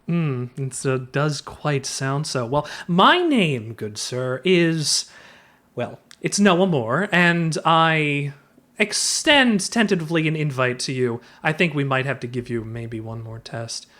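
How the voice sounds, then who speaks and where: A man playing a tabletop game in character, speaking with theatrical, drawn-out formal phrasing. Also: a little high, animated, a bit bright. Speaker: player.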